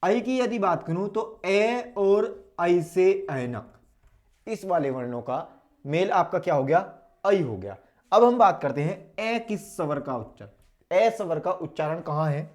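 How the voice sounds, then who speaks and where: A man teaching an online Hindi lesson, demonstrating each vowel sound slowly and aloud, and asking questions he then answers himself. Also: on the high side, sing-song, darkish tone. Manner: drills sounds aloud, asks and answers his own questions.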